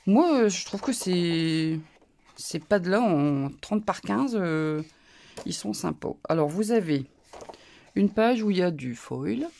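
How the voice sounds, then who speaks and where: Gravelly chatty woman with a northern French accent. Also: fairly low pitch, expressive, slow pace, mellow, slight background noise. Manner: chatty and rambling, with frequent asides. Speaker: crafting YouTuber. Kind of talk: casual haul video chat.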